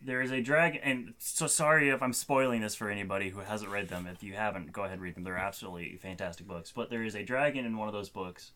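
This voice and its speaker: Young man, twenties, podcast co-host; bright, forceful voice, rambling casual chat. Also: fairly low pitch, fast, hardly any pauses. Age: 20s. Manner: rambling, restarts sentences, laughs often. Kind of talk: casual chat among friends.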